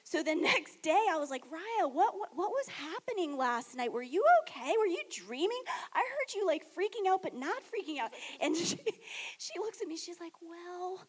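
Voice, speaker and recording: A youth director telling funny stories on a panel, animated and laughing, acting out what others said. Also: female voice, extremely high pitch, normal speed. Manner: animated, laughing, acts out quotes. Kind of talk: casual storytelling on a panel.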